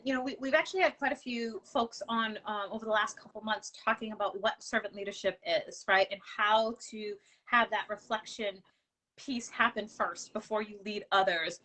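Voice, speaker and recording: A woman's voice: mid-range voice, fairly bright tone, poor audio. A woman hosting an interview, enthusiastic and affirming, with many fillers like um and you know. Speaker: host. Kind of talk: interview conversation.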